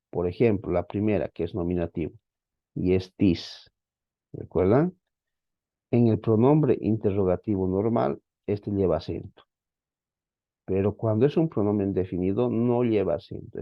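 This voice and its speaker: A fairly low-voiced man gives an online grammar lesson. He is patient, repeats points and keeps checking in with his students. The sound is dry and a little dull, as from a plain lo-fi mic. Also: no room sound. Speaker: Greek teacher. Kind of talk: online class lecture.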